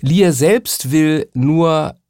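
A man's voice: fairly high pitch, extremely slow, a little mellow, no room sound, studio quality. A man hosting a book podcast, talking in a chatty, enthusiastic way with the occasional um. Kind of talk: scripted podcast talk.

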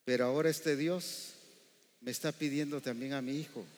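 A man's voice: mid-range voice, fairly even intonation, normal speed. A male preacher delivering a sermon in a church, often quizzing the congregation with rhetorical questions. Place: church hall. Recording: echoey hall reverb.

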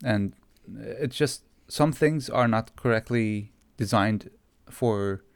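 A man's voice: lowish voice, slow pace, clear, resonant tone, no room sound. A man co-hosting a podcast, chatting casually and slipping into joking, mock-dramatic rants. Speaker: podcast co-host. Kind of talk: casual chat.

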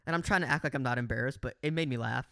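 Rapid-fire and medium-pitched, this young man co-hosts a podcast, spinning a lively story full of swearing and acted-out lines of his own. The recording is studio quality with no room sound.

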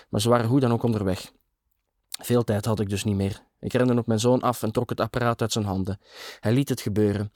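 A man's voice: fairly low pitch, a little mellow, no room sound, studio quality. A middle-aged man narrating a first-person novel in a dramatic, sardonic tone.

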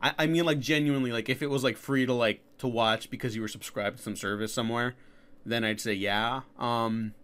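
A man's voice: mid-range voice, steady tone, fairly quick, a bit bright, clear, resonant tone. Nasal guy w a cold hosting a chatty podcast, swears a lot. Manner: loose, swears and laughs often. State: getting over being sick. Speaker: podcast host. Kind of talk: casual chat.

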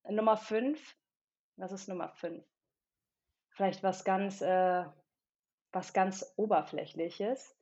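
A woman from Berlin, a company founder, talking as a podcast guest in a thoughtful, hesitant way with many filler pauses. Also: medium pitch, darkish tone, dull audio. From Berlin, Germany. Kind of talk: casual interview chat.

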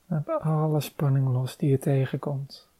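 A meditation guide talks very slowly and calmly, leaving long pauses between soft instructions. The voice is warm and mellow. The sound is dry and close, with no room echo. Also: mid-range voice.

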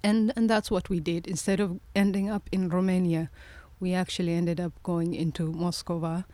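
A woman in her forties from Somalia, a guest on an interview podcast, telling her life story in a reflective way, often restarting her sentences and laughing softly. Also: fairly low pitch, level tone, normal speed, no room sound. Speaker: guest, presidential candidate.

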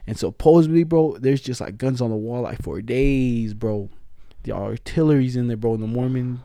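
A man's voice: mid-range voice, normal speed, creaky, dry recording, studio quality. Young man telling stories in loose slang. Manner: animated retelling with acted-out quotes, heavy slang. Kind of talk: casual slangy banter and storytelling.

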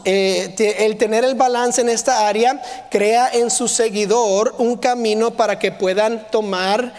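Man, preacher, high voice, sermon, rhetorical questions, reverberant hall. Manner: shouting impressions of a drill sergeant.

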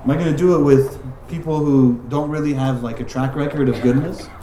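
A man's voice: fairly high pitch, steady tone, a little fast, warm tone, slight background noise. A man teaching a religious lesson in a casual, conversational way, filling his talk with "like" and "right?" asides. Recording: roomy echoing room.

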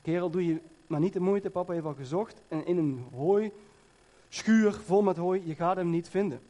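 A man's voice: high voice, normal speed, warm tone, lightly acted. A man doing a weary farmer father. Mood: resigned. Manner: resigned, kindly.

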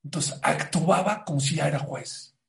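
A man giving a Torah class as a sermon, animated and preacherly, rising to loud emphatic bursts. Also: fairly high pitch, normal speed, gravelly.

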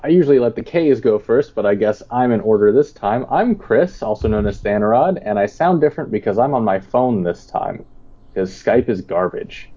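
A man's voice: lowish voice, expressive, moderate pace, dark tone. A man co-hosting a podcast, talking through his phone, with dry, teasing asides in casual chat. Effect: talking through a phone line. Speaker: podcast co-host. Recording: dull lo-fi phone audio.

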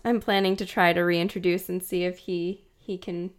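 A woman hosting a podcast in a warm, chatty style, her voice groggy and froggy from a sore, swollen throat. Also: on the low side, flat delivery, normal speed. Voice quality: gravelly, froggy. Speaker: podcast host.

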